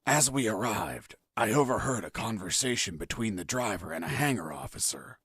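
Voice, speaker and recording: Deadpan game spy hero, low voice but lively swings, music behind. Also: male voice, normal speed. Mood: tense, focused. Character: wry, cool-headed male secret agent on the run. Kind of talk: video game dialogue and narration.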